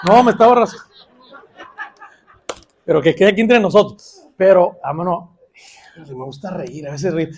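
Male pastor, strikingly high voice, sermon with playful asides. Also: normal speed, pauses often. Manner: playful, swings between loud emphasis and quiet asides.

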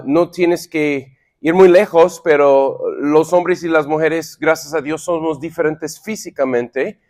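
A middle-aged man leading a sermon-style Bible lesson for married men, halting with fillers and repeated words, and playfully acting out little quips. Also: fairly high pitch, a little mellow. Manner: playful, acts out quips for laughs. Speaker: pastor leading a men's Bible study.

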